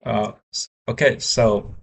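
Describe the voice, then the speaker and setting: A young man, a software engineer learning English, talking casually in a vlog, halting with many fillers and restarts. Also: fairly low pitch, fairly even intonation, vocal fry, slightly rough, rough recording.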